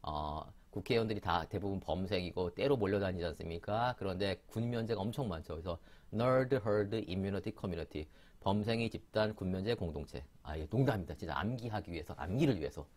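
A man giving a chatty vocabulary lesson, often pausing with fillers and correcting himself. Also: deep voice, a little mellow. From Korea. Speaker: English vocabulary teacher.

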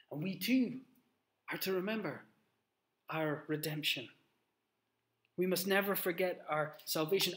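A man in his thirties preaches a sermon in a small plain room and speaks into a webcam on his desk. His slightly high voice is earnest and emphatic, and he pauses and restarts as he goes. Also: a bit bright.

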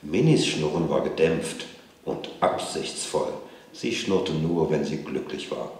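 Deep-voiced man reading aloud, echoey. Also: lively intonation, slow pace, vocal fry, darkish tone. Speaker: reader at a literary event. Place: museum event space. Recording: echoey room.

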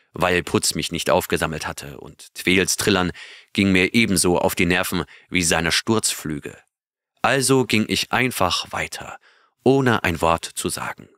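A man reads an audiobook in which an earnest male astronaut recounts his adventure to his crew, drawing them in with questions. The voice is very low yet forceful, bright and exaggerated, recorded dry and close with no echo.

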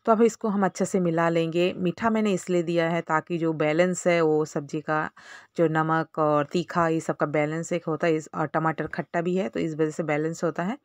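A woman's voice: deep voice, fairly even intonation, moderate pace, dry recording. Woman, cooking vlogger, step-by-step chatty narration, dry voice-over. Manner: chatty, explains step by step with fillers. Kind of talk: casual cooking tutorial narration.

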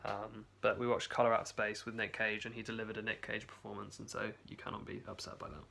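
A man's voice: lowish voice, flat delivery, fast, vocal fry, bright, forceful tone. Young man rambling in a basement. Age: young adult. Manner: rambling, hesitant, many restarts. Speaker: vlogger. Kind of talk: casual video diary. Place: home basement, indoors. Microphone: phone camera held close.

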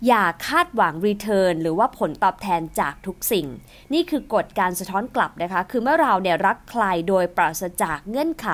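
Young woman podcasting, explains things politely, drops in english terms. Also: medium pitch. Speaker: podcast host. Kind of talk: informative podcast talk.

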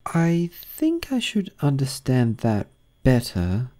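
A man's voice: mid-range voice, huge pitch swings, slow, warm tone, voice pushed up. A man voicing a polite, curious young girl who speaks earnestly in a lightly raised voice. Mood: musing, polite.

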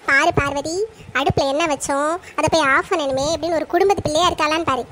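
A very high, rapid voice of a scolding cartoon mother-in-law, acted by a woman. She grumbles and gives orders nonstop in Tirunelveli Tamil. A faint noise sits under the recording. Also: steady tone, bright, forceful tone. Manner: nagging, complaining, bossy. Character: scolding middle-aged mother-in-law Sornam, strict and grumbling.

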